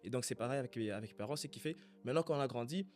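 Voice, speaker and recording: A man from Congo in a casual faith conversation, speaking in a reflective, halting way as he searches for his words. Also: medium pitch, darkish tone, soft background music.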